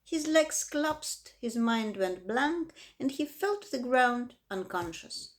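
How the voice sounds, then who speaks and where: A woman reading a children's book aloud with expressive, dramatic emphasis. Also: fairly high pitch, slow pace. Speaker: reader. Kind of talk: storybook read-aloud.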